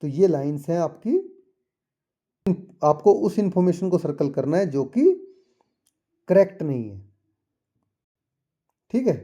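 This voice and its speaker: A male teacher going through a textbook chapter for exams, reading the English lines slowly and explaining them in Hindi, often checking with the pupils. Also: fairly high pitch, lively intonation, warm tone. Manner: often asks the pupils "ठीक है?". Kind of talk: exam-prep lesson explaining a textbook chapter.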